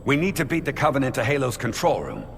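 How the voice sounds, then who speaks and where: A man playing a resolute older naval captain in a sci-fi game cutscene, with an authoritative, measured way of speaking. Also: medium pitch, wildly swooping pitch, creaky, long reverb tail, noisy background. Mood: grave, resolute. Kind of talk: cinematic sci-fi game acting.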